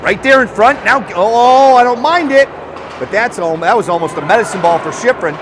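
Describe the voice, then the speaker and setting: A man calling a hockey game live, excitable and chatty, shouting on scoring chances and joking with the listeners. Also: high voice, moderate pace, background noise. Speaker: play-by-play commentator.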